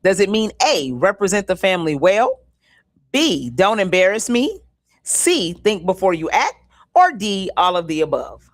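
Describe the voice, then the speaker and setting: Lively-voiced woman hosting a quiz. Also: medium pitch, dry recording, clean studio sound. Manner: reads quiz questions slowly with a lilt. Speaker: co-host. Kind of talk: live show game hosting.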